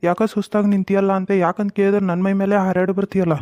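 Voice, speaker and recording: A man's voice: sits high, flat delivery, fast, a little mellow, no room sound, lightly acted. A man with a North Karnataka accent voicing a patient village husband who keeps soothing his wife in a comedy cartoon. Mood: coaxing. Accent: North Karnataka Kannada. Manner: soothing, placating.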